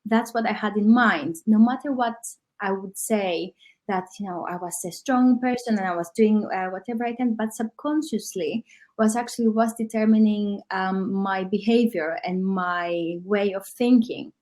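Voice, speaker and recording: A woman from Greece, a coach who speaks as guest in an online workshop, reflective and often pausing with um. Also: mid-range voice, a little mellow. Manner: reflective, with frequent ums.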